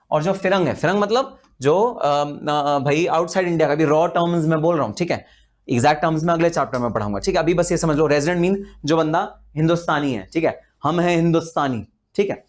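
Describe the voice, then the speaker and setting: A man with an Indian accent teaches tax to students in a live online lecture. His voice sits a little high, and he keeps it chatty and animated, firing off rhetorical questions and playful dramatic asides.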